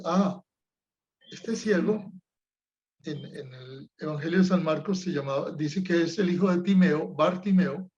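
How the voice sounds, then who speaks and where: A man's voice: high-pitched, a little mellow, lo-fi sound. A man teaching personal prayer over a video call, reflecting aloud and acting out a blind man's cries for mercy. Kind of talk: teaching lesson on Lectio Divina.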